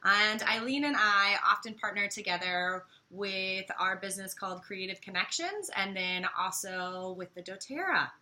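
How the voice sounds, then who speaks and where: Bright, bubbly American woman. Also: medium pitch, normal speed, hardly any pauses. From United States. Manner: bubbly and playful, laughs often. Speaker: co-host. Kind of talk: casual product chat.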